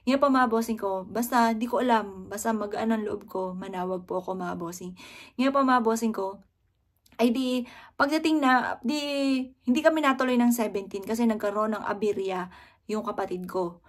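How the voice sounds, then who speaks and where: A woman's voice: medium pitch, normal speed. A middle-aged woman from the Philippines telling a heartfelt personal story to her viewers, earnestly addressing them and quoting her family in her own voice. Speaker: vlogger.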